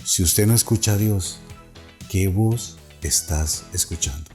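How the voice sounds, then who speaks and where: A man's voice: deep voice, unhurried, a little mellow, faint music behind. A man with a Colombian Spanish accent, a pastor preaching a sermon, reading Bible passages aloud and lifting his voice on the quoted calls. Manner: reads Bible passages aloud with rising emphasis on quoted calls, restarts words. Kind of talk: sermon reading and explaining scripture.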